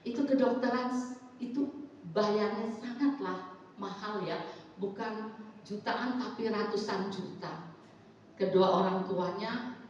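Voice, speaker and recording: A woman's voice: medium pitch, a little hiss or hum. A woman giving an earnest, emotional testimony in a church service, retelling stories and quoting her own advice. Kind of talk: sermon testimony. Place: church hall. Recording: echoey distant hall, muffled.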